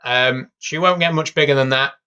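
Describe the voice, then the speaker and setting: His mid-range voice is clear and resonant, and he keeps a moderate pace. A young man from England, he streams live from his bedroom, rambling casually and relaxed, with frequent fillers.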